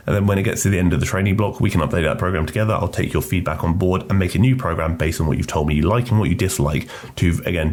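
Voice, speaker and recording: A man coaching and reacting to a workout video in quick, chatty, joking commentary while under the weather. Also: deep voice, darkish tone. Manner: quick, chatty, jokey explaining. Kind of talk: casual commentary.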